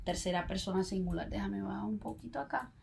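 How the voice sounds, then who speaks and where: Woman, English teacher, patient and slow, mid-pitched voice, faint background noise. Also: gravelly, a little mellow. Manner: patient, checks in with ¿sí? and ¿ok?, spells out English examples slowly. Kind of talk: slow explanatory lesson.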